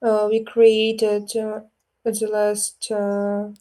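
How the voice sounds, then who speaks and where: A woman walking through her screen in a live tutorial, halting and full of filler sounds as she searches for English words. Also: medium pitch, monotone, a crowd in the background. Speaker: student presenting her work.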